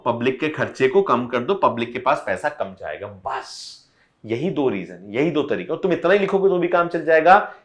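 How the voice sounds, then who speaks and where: Man teaching, mixing Hindi and English. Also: medium pitch. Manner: explains step by step, switching between Hindi and English mid-sentence; talks directly to students, repeating points to drive them home. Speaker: economics teacher. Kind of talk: online exam-prep lecture.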